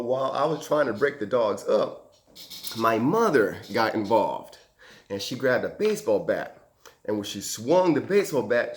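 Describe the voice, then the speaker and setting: A firefighter recounting an emergency call as a casual anecdote, acting out the people involved with lively quoted voices. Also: male voice, mid-range voice. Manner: animated, acts out quoted voices and sound effects.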